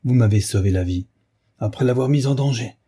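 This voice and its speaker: A man's voice: medium pitch, brisk, dark tone, breathy edge, natural voice. Man voicing a shaken, weary nobleman. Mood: grateful. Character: shaken, exhausted male nobleman.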